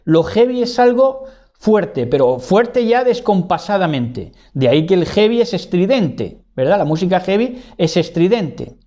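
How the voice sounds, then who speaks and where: A man's voice: high voice, sing-song, a little slow, warm tone, dull audio. A man giving a didactic monologue, repeating key words and tagging his points with "¿verdad?". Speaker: lecturer.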